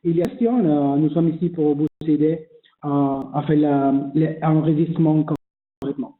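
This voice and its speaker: With a voice on the high side and a moderate pace, a man explains online registration during a webinar. He isn't a native French speaker and his speech is hesitant, with many fillers and restarts, and the audio is echoey and phone-like.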